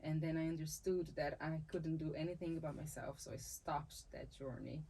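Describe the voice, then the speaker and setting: Her voice is deep, warm and husky, moving at normal speed, and the recording is of low quality. She is a dancer and capoeira teacher from Salvador, Bahia, Brazil, a native Portuguese speaker with a Brazilian accent. Speaking in a conversational interview, she is thoughtful, frequently restarts phrases and laughs easily.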